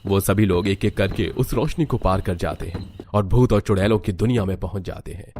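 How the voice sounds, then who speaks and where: A man narrating a cartoon horror story in a low, steady storytelling tone. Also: brisk, a little hiss or hum.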